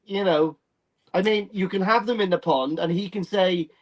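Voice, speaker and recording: A man with a slightly higher voice co-hosts a streamed koi auction. He gives chatty, joking commentary on the bids and tactics. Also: moderate pace, low-quality recording. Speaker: auction co-host. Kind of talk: live-stream auction chat.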